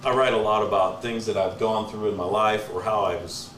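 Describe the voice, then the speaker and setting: Soft-spoken man musician, roomy and distant. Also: steady tone, a little hiss or hum. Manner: low-key, trails off quietly, quick asides. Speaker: musician guest. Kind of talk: casual chat.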